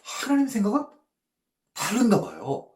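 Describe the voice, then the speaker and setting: A man's voice: high voice, wildly swooping pitch, moderate pace, a little mellow, reverberant. A male pastor leading a Bible study, talking animatedly and peppering his teaching with rhetorical and tag questions.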